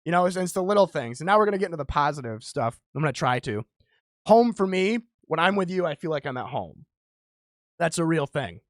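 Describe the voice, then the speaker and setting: A podcast host in his thirties rambles candidly and self-deprecatingly through a casual chat. His voice is on the high side, very animated, and a little fast, captured with a dry, close sound.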